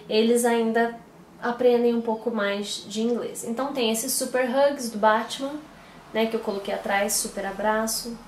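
A woman's voice: a little high, darkish tone, echoey room, a little hiss or hum. A Brazilian woman chatting casually to her vlog audience from home, often correcting herself mid-sentence. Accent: Brazilian Portuguese. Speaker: mom vlogger. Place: at home, indoors.

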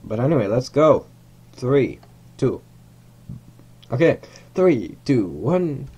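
With a husky, dark, medium-pitched voice, this young Hungarian-speaking gamer narrates a game rocket launch slowly and in a sing-song way. He's at home in a small room, rambling along, fixing his own words and chuckling to himself.

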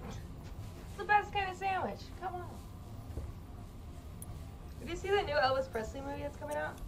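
A woman's voice: high voice, normal speed. A woman streaming a video game, chatting casually with friends and laughing often. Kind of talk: casual gaming stream chat. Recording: noisy background.

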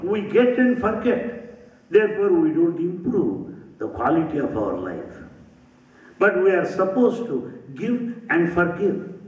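A man gives a spiritual talk at an unhurried pace, and his fairly high voice rises and falls widely as he repeats his phrases. He sounds distant from the microphone in a roomy temple hall, and the recording is dull. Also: a little mellow. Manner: slow, rhythmic, with repeated phrases and rising and falling emphasis; humorous asides that draw laughter. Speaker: spiritual speaker.

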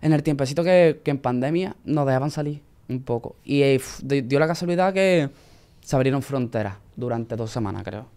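Young guy from spain, accent, telling his story chill, smooth clear voice. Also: mid-range voice, fairly quick. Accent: Spanish from Spain. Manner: storytelling, relaxed, uses Spanish slang. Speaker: singer guest. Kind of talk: casual interview.

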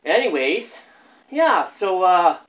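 A man's voice: sits high, very animated, takes it slowly, a bit bright, slightly rough, low-quality recording. A middle-aged man with a Canadian accent, chatting casually to camera as host of a ventriloquist show. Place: small cluttered room at home.

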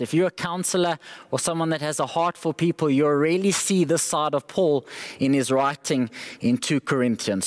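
A young man preaching a livestreamed sermon in an empty church auditorium, talking to online viewers in a conversational way with fillers. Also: on the high side. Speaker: pastor.

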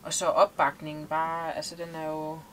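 A woman's voice: low-pitched, monotone, a little hiss or hum. A woman in her thirties from Denmark, talking casually and thoughtfully in an interview, with many hesitations, seated in a small boat cabin. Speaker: interviewee, liveaboard sailor.

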